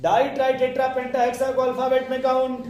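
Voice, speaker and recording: A man teaching chemistry to a class, keeping up a stream of coaxing questions and gentle teasing. His voice sits high yet sounds mellow. It rings through a very echoey classroom, picked up from some distance away. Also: completely flat delivery, fast talker, a little hiss or hum. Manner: coaxing, asks students questions, jokes with them. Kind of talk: classroom lecture.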